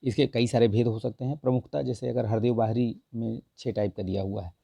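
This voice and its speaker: Hoarse guy teaching hindi grammar for an exam, gravelly dark voice, says "theek hai" every other line, dry close mic. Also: medium pitch, fairly even intonation, brisk, no room sound. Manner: repeats "theek hai" constantly, corrects answers with mild humor. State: hoarse, sore throat. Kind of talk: Hindi grammar lesson, going through a test.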